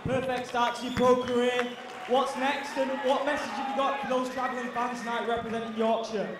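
A man conducts an upbeat live post-fight interview. His pitch is extremely high and the hall echoes heavily around him. A loud crowd fills the background. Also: flat delivery, a little fast, recorded from a distance, very noisy. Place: large indoor cage-fight venue. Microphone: handheld.

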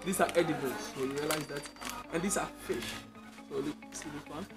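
A man's voice: a little high, fairly quick. A young man from Ghana, chatting casually to viewers in a vlog while walking through a large indoor supermarket with a handheld phone camera. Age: young adult. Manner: chatty, addresses viewers directly, frequent restarts. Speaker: vlogger. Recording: loud music behind voice.

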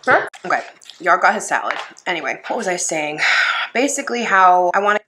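Woman vlogger, lowish voice, chatty, eating while she talks. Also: very animated, a little fast, pushed and bright, a little hiss or hum, rough recording. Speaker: YouTuber. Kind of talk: casual eating chat video.

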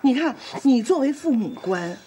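A woman's voice: sits high, big pitch swings, normal speed, mellow, a little hiss or hum. An actress with a Northeastern Mandarin accent playing a pushy, nosy village woman who nags and teases. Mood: insistent. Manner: insistent, nagging, teasing. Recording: music underneath.

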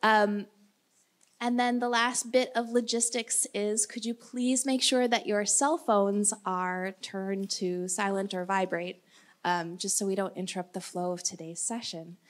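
A woman's voice: mid-range voice, steady tone, measured pace. A woman organizing an event, announcing logistics in a friendly, lightly joking way into a handheld mic in a large community hall. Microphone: handheld microphone.

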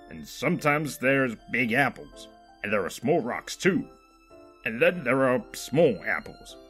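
A man voicing a big, bashful male farm pony who rambles earnestly in a folksy, halting way. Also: mid-range voice, sharp tone.

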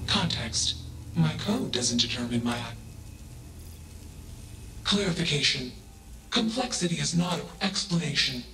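An actor voicing an AI that speaks in a flat, emotionless monotone and opens each statement with a label word. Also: male voice, on the high side, measured pace, long pauses, full character voice. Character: flat emotionless male AI in a derelict ship. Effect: synthetic, echoing machine voice. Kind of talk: video game dialogue. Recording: echoey room with game music.

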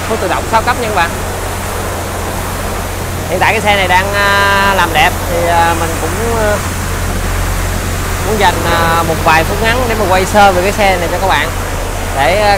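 A man with a southern Vietnamese accent giving a used-car sales walkaround, halting often with fillers as he talks. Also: high-pitched. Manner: halting, filler-heavy delivery. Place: large car detailing workshop. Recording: loud ambient hiss and vehicle noise. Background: steady workshop and vehicle noise.

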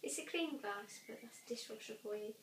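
A woman's voice: a little high, brisk, vocal fry, a crowd in the background. A young woman with a Welsh accent chatting casually as she reviews a beer. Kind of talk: casual chat. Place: home kitchen, indoors. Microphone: camera a few feet away. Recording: echoey kitchen, distant camera mic, faint noise.

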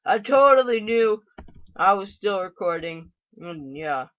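A gamer chatting to themselves through casual let's-play commentary, playfully frustrated and muttering pep talks at a mid pitch. The home mic sounds slightly dull and lo-fi, with faint keyboard and mouse clicks and light hiss behind. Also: animated, a little slow, a bit bright. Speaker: gameplay commentator.

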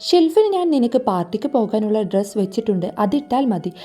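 A woman's voice: on the high side, big pitch swings, fast talker, warm tone. A woman voicing a stern, commanding young husband who gives curt orders in a storybook reading, over faint music.

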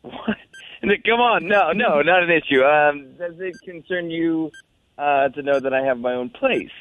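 A young man in his twenties speaks over a tinny phone line. His talk is stiff and formal, with nervous pauses. The voice sits a little high for a man. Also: no echo. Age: 20s. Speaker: dating segment caller. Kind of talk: awkward phone dating chat.

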